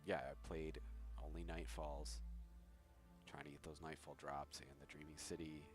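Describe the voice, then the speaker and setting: A man's voice: very deep voice, flat delivery, normal speed. A man giving a casual, rambling and hesitant commentary on his gaming progress, recorded on a cheap microphone. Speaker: gaming video creator. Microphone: cheap temporary microphone. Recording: cheap poor microphone, loud music behind. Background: loud music.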